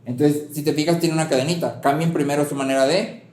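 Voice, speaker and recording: A man's voice: fairly high pitch, fairly even intonation, fast, a little mellow, slight background noise. A man preaching a sermon as a pastor, conversational and full of rhetorical questions and check-ins with the congregation. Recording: roomy hall with faint ambience.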